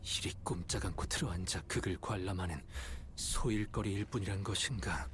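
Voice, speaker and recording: An actor voices a grave, scornful man in a game. His voice sits very low and moves very quickly, with stiff, old-fashioned formality. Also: a little hiss or hum, natural voice. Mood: grave disdain. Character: grave, disdainful man speaking in archaic formal style. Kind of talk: game voice acting.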